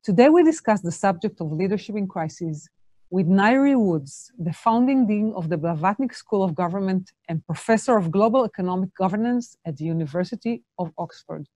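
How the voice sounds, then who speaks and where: A woman interviewing guests, asking long questions with many pauses and fillers. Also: mid-range voice, expressive, a little mellow, no echo.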